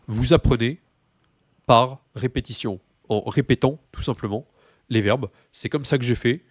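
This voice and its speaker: A man gives an informal language lesson in a voice of ordinary pitch. He explains patiently, often pausing, restarting and repeating key points. The recording is dry and close, with no room sound. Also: dry recording. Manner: informal and repetitive, with many hesitations. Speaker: language teacher.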